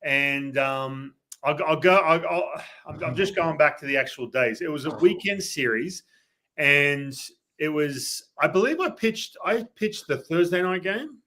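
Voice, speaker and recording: A man with an Australian accent, a podcast guest telling stories in a casual, animated way and acting out what people said. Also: fairly high pitch, a little slow. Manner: animated storyteller who acts out quoted dialogue. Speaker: guest, former baseball pitcher. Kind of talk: casual storytelling on a sports podcast.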